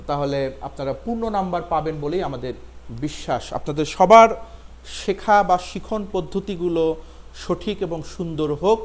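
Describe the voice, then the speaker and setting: A man, giving a pronunciation lesson and slowly spelling out each word with emphasis. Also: sits high, a little mellow. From Bangladesh. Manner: slow, emphatic spelling-out of words. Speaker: teacher.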